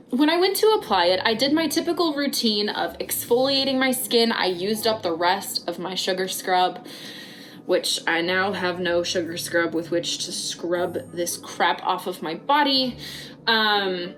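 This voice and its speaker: A woman's voice: mid-range voice, fairly bright tone. A woman giving a casual, ranting product review in a chatty way, stressing and stretching words for drama. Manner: chatty, dramatic emphasis with drawn-out, repeated words. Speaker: YouTube host. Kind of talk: casual rant-style product review vlog.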